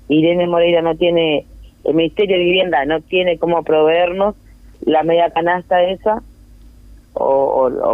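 A woman's voice: deep voice, dry recording. Woman on a tinny phone line. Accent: Uruguayan Spanish. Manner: hesitant, many fillers and restarts. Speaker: neighborhood representative interviewed by phone. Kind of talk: phone interview. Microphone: telephone.

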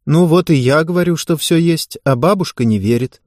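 A man voicing an angry, sharp-tongued middle-aged mother in an audiobook, speaking sarcastically in a raised, pushed-up voice. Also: on the high side, normal speed, no echo, studio quality, pitched above the performer's own voice, lightly acted. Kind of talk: audiobook character voice.

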